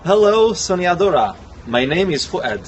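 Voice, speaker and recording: A man in his thirties answers interview questions with hesitant pauses. His voice sits a little high, and faint background noise runs under the recording. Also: big pitch swings, low-quality recording. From Morocco. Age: 30s.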